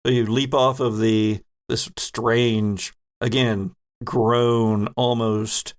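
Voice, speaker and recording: As game master for an improvised tabletop game, a man narrates in a medium-pitched, fairly flat voice, assembling his descriptions in halting, pieced-together phrases.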